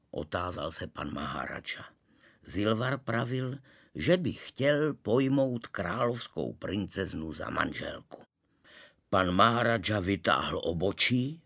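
A man narrating a humorous children's novel in a lively, expressive storytelling manner. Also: low voice, gravelly.

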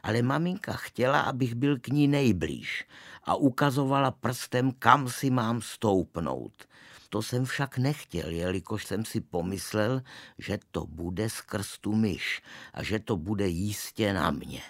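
A man narrating a children's story in the first person, in a deadpan storytelling manner. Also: on the low side, dry recording, clean studio sound.

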